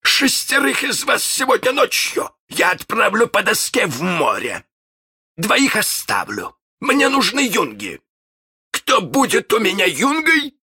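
A man voicing a menacing, snarling pirate captain in an audiobook, barking drawn-out threats. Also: sits high, huge pitch swings, pushed and bright, breathy edge, pitched above the performer's own voice, exaggerated voice. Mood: commanding. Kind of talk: audiobook character voice.

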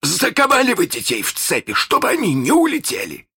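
A man voicing a menacing, snarling pirate captain in an audiobook, barking drawn-out threats. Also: sits high, huge pitch swings, gravelly, bright, forceful tone, breathy edge, pitched above the performer's own voice, full character voice. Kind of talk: audiobook character voice.

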